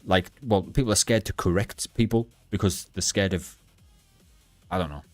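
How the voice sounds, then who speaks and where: A young man streaming a game, chatting bluntly and rambling with halting restarts to his live chat. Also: sits low, no room sound, faint music behind. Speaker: gaming livestreamer.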